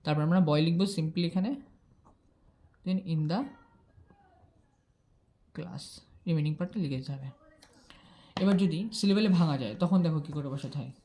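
Her voice sits low with a dark tone, and she speaks at normal speed with frequent pauses. The female English grammar teacher patiently breaks down rules step by step, checks in with "ঠিক আছে?", and slips English terms into Bengali.

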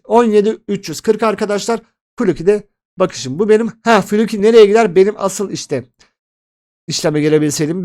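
A man rattles through his chart analysis at a quick clip, his voice sitting fairly high for a man. He is chatty and excitable, and he keeps talking straight to his viewers as if they were old friends. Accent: Turkish. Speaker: crypto analysis host. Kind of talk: casual chart analysis talk.

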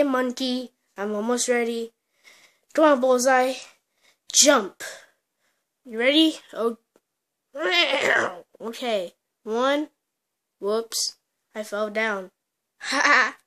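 A home toy play video where one storyteller improvises every character in a slow, halting, playful way. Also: medium pitch, fairly bright tone.

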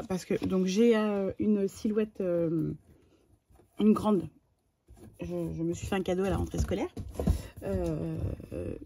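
A middle-aged woman with a French accent chats her way through an unboxing, excitable and talkative, repeating words and filling pauses. Her voice is mellow and dark-toned. A faint hiss of noise sits under the recording. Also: mid-range voice. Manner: chatty and excitable, lots of fillers and repeated words. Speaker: vlogger. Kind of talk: casual unboxing chat.

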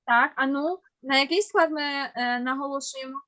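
A woman teaching an online language lesson to children over a video call. She is patient and encouraging, stresses words slowly and carefully, and praises each answer. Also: sits high, pushed and bright.

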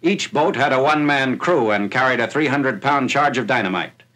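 A man reading a scripted wartime newsreel narration in a formal, measured announcing manner, heard on an old 1940s newsreel soundtrack. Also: medium pitch, lively intonation, fairly bright tone. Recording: noisy, hissy 1940s newsreel film soundtrack.

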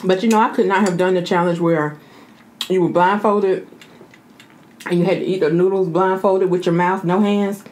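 An American woman in her thirties chatting casually as a mukbang host, talking while eating and pausing to chew. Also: lowish voice, steady tone, darkish tone. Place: indoor room.

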